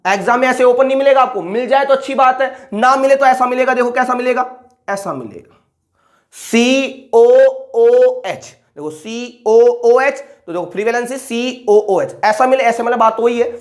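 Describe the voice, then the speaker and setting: A male chemistry teacher giving an online lecture in casual Hindi. He asks a question, answers it himself, and repeats the key terms, slowing down to spell out each formula. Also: very high voice. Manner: slows right down to spell out formulas.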